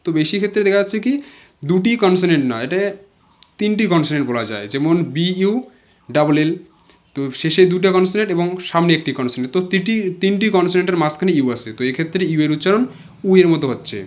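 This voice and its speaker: Man, Bengali native, high-pitched, patient lesson delivery, muffled low-fi recording. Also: animated. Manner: patient, repeats example words slowly. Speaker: English pronunciation teacher. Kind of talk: explaining pronunciation rules. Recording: dull lo-fi recording.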